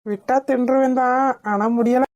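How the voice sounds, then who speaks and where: A woman's voice: sits high, fairly even intonation, moderate pace, a little mellow, dry recording, natural voice. A woman voicing a teasing cartoon young husband. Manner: teasing, playful. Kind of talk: animated cartoon voice acting.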